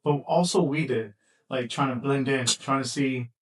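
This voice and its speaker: A young man hosts a casual podcast in an easygoing way, often chiming in with short agreeing sounds. His voice sits at a middle pitch and sounds a little distant from the microphone. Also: normal speed. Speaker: podcast host.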